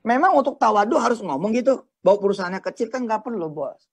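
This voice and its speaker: A man's voice: high-pitched, expressive, fast, gravelly, breathy edge. A man, a preacher giving a casual, joking religious talk in slangy speech.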